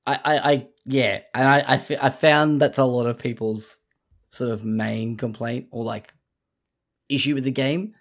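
A man's voice: mid-range voice, steady tone, measured pace. A man co-hosting a casual video game podcast, talking in a loose, rambling way with many restarts. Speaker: podcast co-host. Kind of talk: casual chat.

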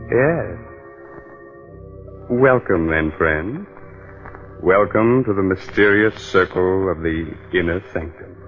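Sinister, low-voiced radio horror host. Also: male voice. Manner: sinister mock politeness. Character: macabre, teasing horror show host welcoming guests. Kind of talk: 1940s radio horror hosting. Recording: muffled old radio recording.

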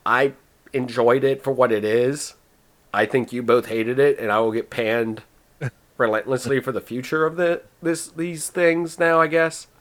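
A man hosting a casual movie podcast, summarizing the plot with quick, stumbling restarts. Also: mid-range voice, steady tone. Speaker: podcast host presenting the movie.

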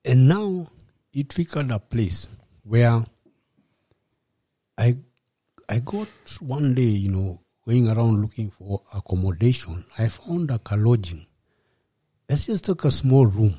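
A man in his fifties with a Kenyan accent, a podcast guest telling his life story in a reflective, unhurried way and slipping in Swahili words. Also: medium pitch, expressive, dark tone, no echo. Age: 50s. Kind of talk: personal storytelling in a podcast interview.

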